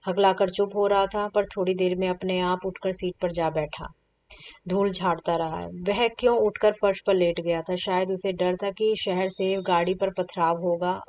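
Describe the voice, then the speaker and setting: A woman's voice: medium pitch, a little mellow, far from the mic. A woman teacher reading a short story aloud and explaining it, with casual asides. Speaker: Hindi literature teacher.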